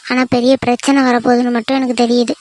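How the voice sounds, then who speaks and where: A woman's voice: a little high, flat delivery, fast, a little mellow, close to an everyday voice. A woman voicing a worried older village aunt in a cartoon, confiding her troubles anxiously.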